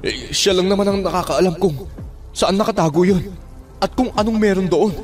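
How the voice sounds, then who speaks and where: A man voicing a worried tribe elder in an audio drama, reporting losses gravely and hesitantly. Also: high-pitched, normal speed, soft background music, close to an everyday voice.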